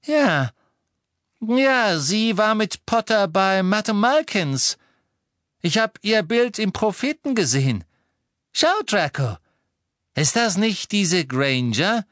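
A man voicing a poised aristocratic witch with a cold, clear voice. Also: high voice, unhurried, a bit bright, dry recording, studio quality, pitched above the performer's own voice.

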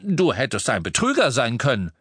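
A man's voice: mid-range voice, wildly swooping pitch, fairly quick, a bit bright, slightly rough, dry recording, pitched above the performer's own voice, exaggerated voice. Male narrator's urgent wizard, clipped questions, raised and intense. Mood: urgent, stern. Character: grim tense grown wizard, clipped and urgent.

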